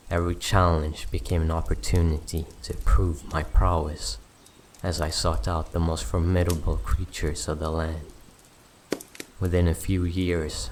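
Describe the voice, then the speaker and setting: A man playing a proud, brooding giant wolf of Norse myth, telling his own story in solemn, measured narration. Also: low voice, slight background noise. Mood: grave proud. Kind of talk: first-person scripted mythic narration. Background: background music.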